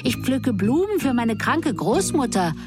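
A woman voicing a rude, bad-tempered little girl in a radio story, scolding in a shrill, raised voice, with music underneath. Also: sing-song, unhurried. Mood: angry.

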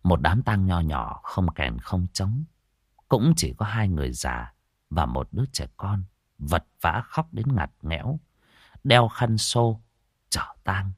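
A man narrating an emotional story in a dramatic, expressive way. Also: deep voice, a little slow, breathy edge, dry recording, clean studio sound.

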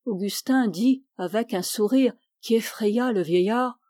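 Warm-voiced French woman reading a novel. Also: fairly high pitch, measured pace, no room sound, studio quality. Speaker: audiobook reader. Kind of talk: literary audiobook narration.

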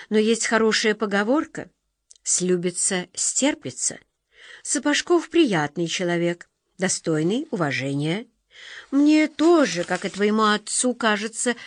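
A gentle middle-aged mother speaks to her daughter in soft, tender tones in an audiobook, as a woman narrator puts her on. The voice stays close to the reader's own and sounds dry and near. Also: mid-range voice, no echo, lightly acted. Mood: persuasive.

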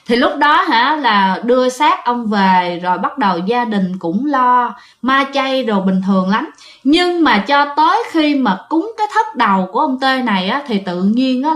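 A woman telling a ghost story in a chatty way, often talking straight to her listeners. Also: high voice. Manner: chatty, addresses listeners directly. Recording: roomy echo.

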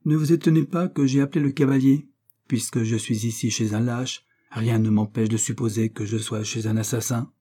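A man's voice: medium pitch, steady tone, normal speed, mellow, lightly acted. A man voicing a proud, righteous nobleman and sea captain who speaks with stern, declamatory force.

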